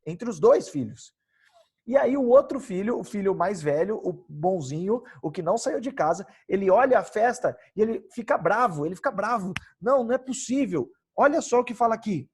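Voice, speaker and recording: This man has a high, expressive, slightly rough voice and talks fairly quickly with few pauses. A youth devotional speaker with a Brazilian Portuguese accent, he gives an emphatic Bible lesson in his backyard, asking rhetorical questions he answers himself.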